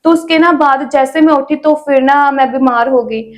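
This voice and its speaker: A young woman telling her personal faith testimony in a relaxed, chatty interview, with many small fillers. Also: high-pitched, moderate pace. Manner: chatty storytelling with frequent "ना" fillers. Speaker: guest sharing her testimony.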